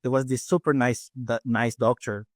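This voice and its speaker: A Peruvian man in his forties, a native Spanish speaker, chats casually in English with a Peruvian Spanish accent as a guest dentist and faculty member in an interview. He talks quickly and loosely at a middling pitch and a steady tone, with frequent restarts and "you know" fillers. The recording is close and dry, without echo or room sound.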